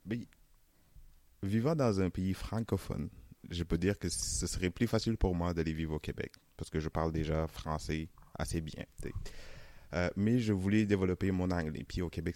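Being interviewed casually, a young adult man speaks French in a very low, deep voice, with a Senegalese accent leaning toward Canadian French. He's relaxed and chatty, laughs a lot, and drops casual fillers, recorded close and dry without room echo.

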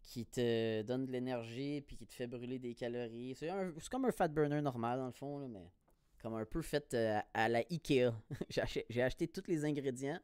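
A young man with a Québécois French accent hosting a casual podcast, telling stories in a slangy, laughing, animated way with plenty of swearing. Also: medium pitch, normal speed, clean tone. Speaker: podcast host. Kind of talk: casual chat.

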